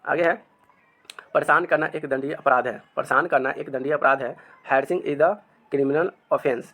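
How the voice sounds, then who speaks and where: Man, a patient teacher who drills each sentence slowly. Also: a little high, a bit bright. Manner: says each English sentence very slowly, then repeats it. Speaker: English teacher. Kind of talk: spoken English lesson.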